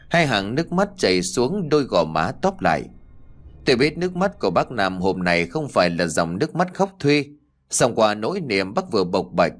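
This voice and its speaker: A man narrating a story in a measured, expressive way. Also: on the low side.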